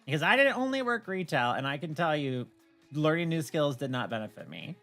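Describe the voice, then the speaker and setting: Faint music plays behind a woman with a low voice speaking fairly quickly on a livestream. As host and streamer, she chats casually and tells stories bluntly, opinionated and animated, with swearing.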